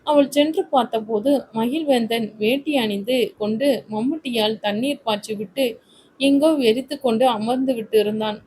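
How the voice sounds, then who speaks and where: A woman's voice: on the high side, moderate pace, slight background noise, poor audio. Woman narrating a romance story. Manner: steady, literary storytelling.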